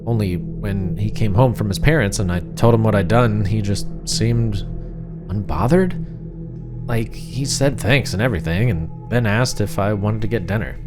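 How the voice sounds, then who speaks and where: A man narrating a horror story in the first person as a frightened, suspicious wife, confiding and uneasy, with deliberate pauses. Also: lowish voice, close to an everyday voice. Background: music.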